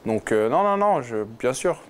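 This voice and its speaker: This guest is a football player in his twenties whose mid-range voice is sing-song, clear and resonant, at a normal speed. His interview replies come out casual and hesitant, dotted with many fillers and restarts.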